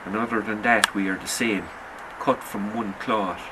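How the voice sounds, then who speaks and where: Behind a man reading his own literary short story, there is obvious background noise similar to outdoor ambience. He narrates like an author at a reading, his fairly low voice holding a steady tone with a sombre, measured delivery.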